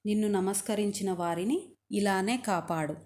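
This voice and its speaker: A woman's voice: mid-range voice, moderate pace, darkish tone, close to an everyday voice. A woman doing a serene, devout mother. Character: devout, calm mother, steadfast in faith.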